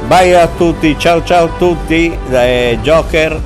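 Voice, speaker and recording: A man hosting a casual gameplay video from home, talking in a halting way with many fillers. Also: a little high, music in the background.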